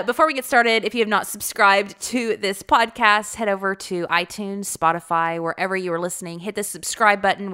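A woman's voice: mid-range voice, sharp tone, smooth. A woman with a froggy voice from a cold, introducing a podcast episode in an earnest, emphatic way. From US South, Georgia. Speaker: podcast host. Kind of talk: upbeat scripted-feeling podcast introduction.

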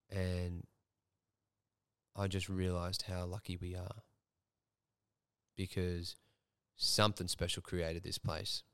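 A man's voice: low voice, little pitch movement, takes it slowly, long pauses, fairly bright tone, smooth, dry recording. A young man, hosting a podcast and telling a personal story frankly, swearing freely. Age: young adult. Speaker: podcast host.

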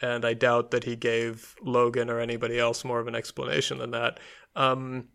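A man's voice: mid-range voice, monotone, normal speed, vocal fry, fairly bright tone, clear, resonant tone. A man co-hosting a podcast, talking casually about a film and laughing often. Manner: chatty, laughs often, filler-heavy. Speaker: podcast co-host.

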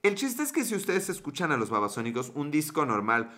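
A man's voice: on the high side, wildly swooping pitch, brisk, pushed and bright. A man with a Mexican accent hosting a casual livestream, joking loosely and profanely with viewers and answering their comments. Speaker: livestream host.

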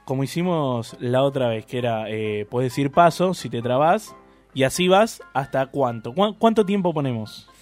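A man's voice: medium pitch, animated, moderate pace, faint music behind. A man with a Rioplatense Spanish accent hosting a radio show, running a guessing game in casual banter and swearing when he gets stuck.

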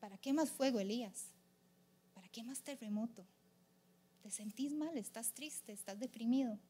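A woman voicing God as a gentle, consoling male presence, speaking softly in a near whisper. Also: a little high, moderate pace, slightly rough, pitched below the performer's own voice. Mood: tender. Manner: hushed, soft and half-whispered.

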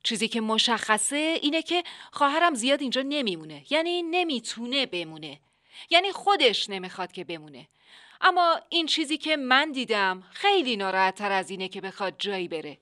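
A woman's voice: on the high side, big pitch swings, pushed and bright. A woman narrating and hosting a comic radio drama, chatty and a little flustered, often apologizing to the other characters. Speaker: narrator and host.

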